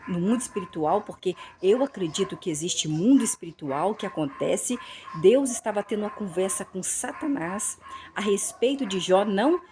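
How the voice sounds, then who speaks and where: A Brazilian woman teaching the Bible in a casual, animated way, repeating phrases and acting out dialogue. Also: medium pitch, a little hiss or hum. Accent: Brazilian Portuguese.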